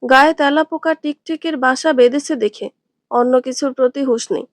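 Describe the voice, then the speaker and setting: Woman storyteller, high-pitched, steady dramatic reading, dry close sound. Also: normal speed, no echo. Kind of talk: scripted story narration.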